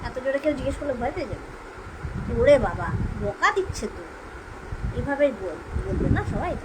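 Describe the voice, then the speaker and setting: A woman's voice: high voice, sing-song, fairly quick, noisy background. A mother live-streaming with her baby son, chatting to viewers in a coaxing, sing-song baby-talk voice. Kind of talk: casual live-stream chat.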